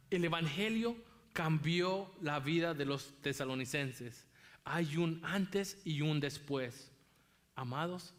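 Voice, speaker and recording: A man's voice: fairly high pitch, a bit bright. A man preaching a sermon as pastor, emphatic and repeating key phrases for weight.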